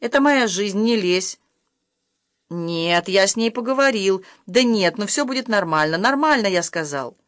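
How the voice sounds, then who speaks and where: A woman's voice: mid-range voice, expressive, measured pace, no echo, clean studio sound, natural voice. A woman reading a curt, irritated husband. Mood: curt irritation. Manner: curt, snapping.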